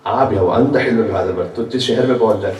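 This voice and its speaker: Low-voiced man preaching in an echoey hall. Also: a little mellow. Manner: mixes chanted Arabic quotations with explanation. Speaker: guest preacher. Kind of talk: religious sermon at a majlis gathering. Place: large hall at a religious gathering. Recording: echoey hall picked up from far off.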